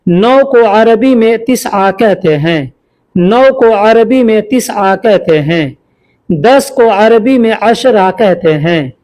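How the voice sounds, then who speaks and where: A man's voice: high voice, a little mellow. A man teaching a spoken language lesson, saying each line twice in a patient, repetitive way.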